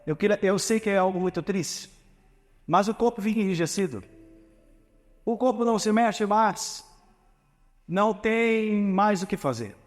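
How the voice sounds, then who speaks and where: A Brazilian man preaching a sermon in a notably high voice, pressing his points with rhetorical questions. His words ring out with the long reverb of a church hall. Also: unhurried, long pauses, soft background music. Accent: Brazilian Portuguese. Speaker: pastor. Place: church sanctuary.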